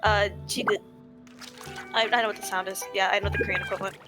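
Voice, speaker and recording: A woman joins a game stream's chat, laying out her point plainly and directly. Her voice sits mid-range. Game music plays clearly behind her. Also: medium pitch, little pitch movement, fast talker, bright, forceful tone. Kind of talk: casual live-stream chat.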